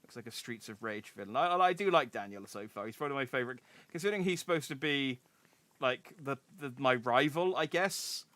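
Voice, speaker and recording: A man's voice: mid-range voice, lively intonation, a little fast, sharp tone. A man casually commenting as he plays a game and reads its dialogue aloud. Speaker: streamer.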